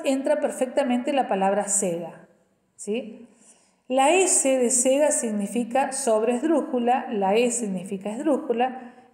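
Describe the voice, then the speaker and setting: Woman educational psychologist, patient step-by-step explainer, mellow tone, echoey recording. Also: a little high. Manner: explains step by step, often checks in with "¿sí?". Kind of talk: explanatory teaching talk. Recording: echoey room with long reverb.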